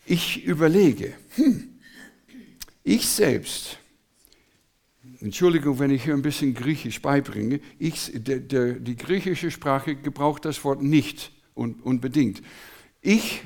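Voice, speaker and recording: A man preaching a sermon, slow and emphatic, with dramatic swings in his delivery. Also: fairly high pitch, a little mellow.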